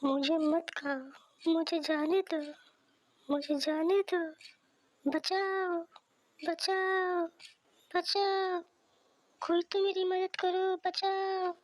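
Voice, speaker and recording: A woman's voice: sits high, steady tone, measured pace, darkish tone, voice pushed up, rough recording. A woman voicing a timid orphan boy in a cartoon, who talks in a whiny, begging way. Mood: terrified. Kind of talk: cartoon voice acting.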